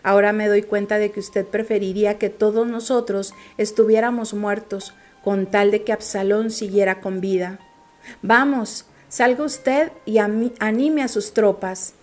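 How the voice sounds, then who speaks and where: A woman reading the part of a stern male army commander, blunt and reproachful, in a firm, measured way. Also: mid-range voice, steady tone, a little mellow, lightly acted.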